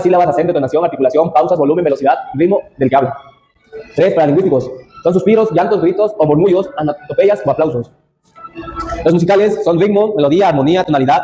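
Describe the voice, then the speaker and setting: A young man presents a topic to his classmates, reading from slides and stumbling into restarts. He talks very fast in a mellow, slightly raised voice. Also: fairly high pitch, rough recording. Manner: reads from slides with restarts and asides. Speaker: student presenter.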